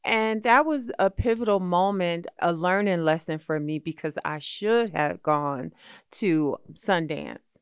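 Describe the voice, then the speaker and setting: A middle-aged woman, a magazine founder being interviewed, telling her story in a lively, expressive way. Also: fairly low pitch, unhurried, smooth, no echo, studio quality. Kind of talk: animated storytelling in a conversational interview.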